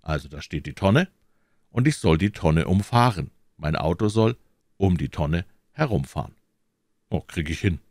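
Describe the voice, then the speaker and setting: A man explaining German grammar to learners, talking slowly and carefully and walking through examples. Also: sits low, expressive, darkish tone, dry recording, studio quality. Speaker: German teacher.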